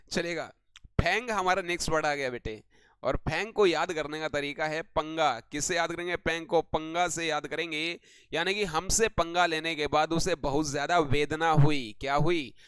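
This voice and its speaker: A man's voice: on the high side, fairly bright tone, clean tone, no room sound. A man teaching English vocabulary on a live online class, greeting viewers by name and asking and answering his own questions.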